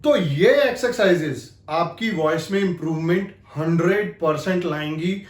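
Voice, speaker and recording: In an echoey, reverberant room, a high-pitched man acts as an acting coach and presenter, explaining a lesson directly to the viewer. It's an instructional video in which he also performs spoken demonstrations.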